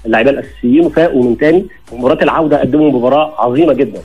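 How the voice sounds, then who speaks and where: A man with an Egyptian accent giving conversational football analysis as a guest, slightly husky and repeating phrases as he argues. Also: mid-range voice, racing, dull audio. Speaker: sports journalist, studio guest.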